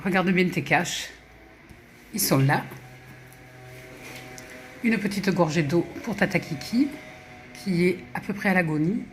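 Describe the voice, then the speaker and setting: Chatty self-mocking woman, slow. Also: lowish voice, lively intonation, soft background music. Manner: chatty, self-mocking, muttering letters and numbers aloud. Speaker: YouTuber. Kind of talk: casual chat while playing puzzle games.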